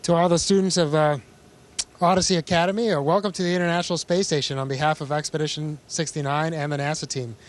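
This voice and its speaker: A man with a fairly high voice speaks as an astronaut on a live link. He explains things informally, in simple everyday words. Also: steady tone, fast. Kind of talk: answering questions in a live link-up.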